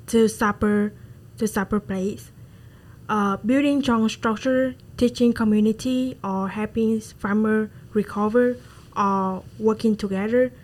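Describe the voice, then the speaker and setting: A woman's voice: medium pitch, poor audio. A woman from Vietnam with a Vietnamese accent, talking in a student discussion and searching for words in plain, chatty phrases. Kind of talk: student discussion role-play.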